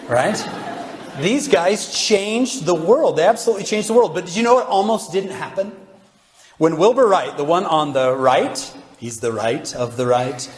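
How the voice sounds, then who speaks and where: A man with a slightly high voice gives an animated devotional talk, asking his audience one rhetorical question after another. His voice rings through a large, roomy hall and trails off in a long echo. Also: normal speed, a little hiss or hum. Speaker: religious speaker addressing youth.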